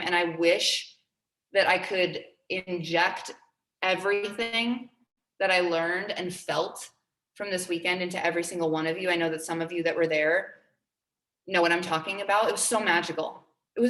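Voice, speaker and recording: A woman's voice: on the low side, normal speed, a bit bright, reverberant. A woman in her twenties giving a motivational talk to her team, earnest and upbeat, repeating key phrases for emphasis. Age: 20s. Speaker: team trainer.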